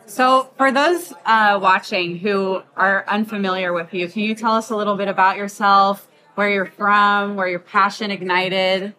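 A woman's voice: medium pitch, steady tone, measured pace, hardly any pauses, bright, forceful tone, low-quality recording. A woman co-hosting an interview, encouraging and deferential toward the guest. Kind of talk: casual interview questions.

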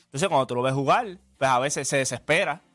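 A man co-hosting a sports talk show who chimes in quickly with examples from sports. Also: medium pitch, fairly bright tone, faint music behind. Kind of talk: radio sports talk chat.

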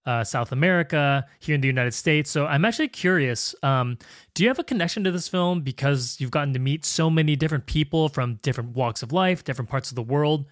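A man's voice: a little high, fast, no room sound, clean studio sound. A man hosting an interview, reading out film facts and asking questions with enthusiasm. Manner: enthusiastic, reads facts then asks questions. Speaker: interview host. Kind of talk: podcast interview.

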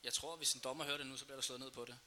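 A man guesting on a talk show as a footballer, reflective and halting as he speaks. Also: mid-range voice, steady tone, pushed and bright, slight background noise. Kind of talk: casual talk show chat.

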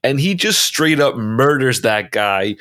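A man's voice: mid-range voice, lively intonation, a little slow, noisy background. A man co-hosting a casual movie review podcast, giving blunt, emphatic opinions. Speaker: podcast co-host.

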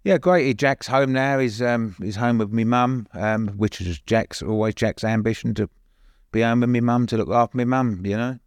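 A man's voice: mid-range voice, moderate pace, clear, resonant tone, no room sound, studio quality. An older man with an East London accent, recollecting plainly as an interview guest, often adding "you know". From East End of London, later Suffolk. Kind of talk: conversational personal recollection.

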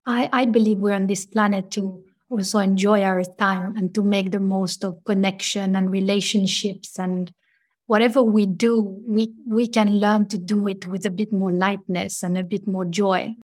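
A woman speaks as a guest expert, giving reflective advice. Her phrasing is halting and searching, and her pitch is average for a woman. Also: little pitch movement, darkish tone.

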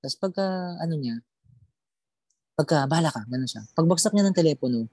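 A young adult telling a personal ghost story in casual conversation, halting and repeating words while recalling details. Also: medium pitch, animated, a little mellow, husky, dry recording.

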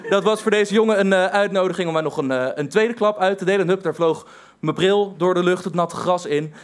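A man's voice: high voice, brisk. A young man telling a personal story in a wry, self-mocking way, with hesitant fillers.

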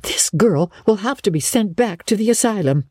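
A woman's voice: medium pitch, animated, moderate pace, warm tone, husky, no room sound, studio quality, voice pushed up. A woman voicing a stern, exasperated middle-aged farm woman in an audiobook, with curt, emphatic scolding. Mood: indignant. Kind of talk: audiobook character acting.

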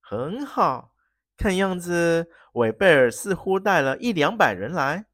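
A storyteller voicing a cunning, fierce gentleman thief who threatens and shouts. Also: medium pitch, very animated, unhurried, no room sound, studio quality, pitched above the performer's own voice. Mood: threatening. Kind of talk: storybook reading.

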